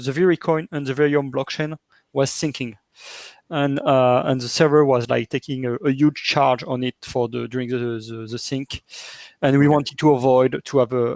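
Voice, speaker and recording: A man, a developer, explaining on a video call in a halting way that repeats words. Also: mid-range voice, no echo. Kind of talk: casual video call chat.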